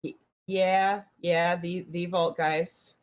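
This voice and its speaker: A woman's voice: on the low side, flat delivery, slow. Woman doing a shy, stammering young hero. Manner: hesitant, stammering.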